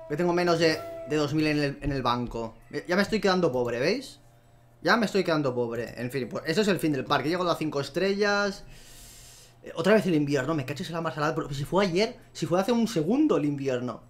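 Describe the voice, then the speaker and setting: A young man from giving casual gameplay commentary, chatting to the animals on screen and to his viewers and getting excited easily. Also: fairly high pitch, brisk, faint music behind. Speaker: gameplay video host.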